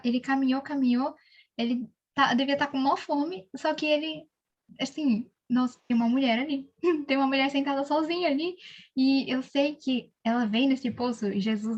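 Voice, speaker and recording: A young woman with a Brazilian accent telling a faith testimony in casual chat, animated, with many fillers. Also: fairly high pitch, lo-fi sound. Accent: Brazilian Portuguese. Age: young adult.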